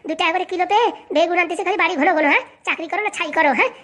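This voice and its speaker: A woman voicing a demanding, sharp-tongued pregnant young wife in a comic cartoon, scolding and nagging. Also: very high-pitched, rapid-fire. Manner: scolding, nagging with constant "haa?" tags.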